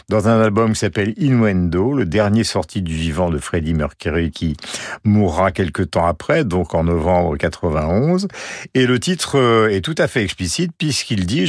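A male radio host presenting recordings on a music show in a polished, measured way. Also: lowish voice, no echo.

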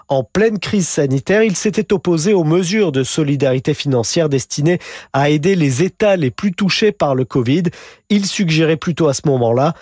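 A man reading a scripted radio news report as a correspondent, in a measured, steady way. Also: fairly high pitch, no echo, studio quality.

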